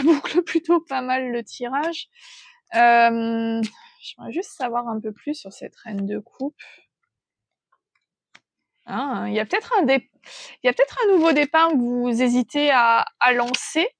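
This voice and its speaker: A woman giving an intuitive tarot reading, thinking aloud in a gentle, hesitant way as she feels out the cards. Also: fairly high pitch, measured pace, dry recording. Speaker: tarot reader.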